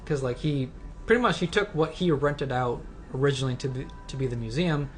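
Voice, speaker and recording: A man's voice: medium pitch, a little fast, soft background music. An easygoing man co-hosting a podcast in casual chat, agreeable and full of fillers. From United States. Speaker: podcast co-host.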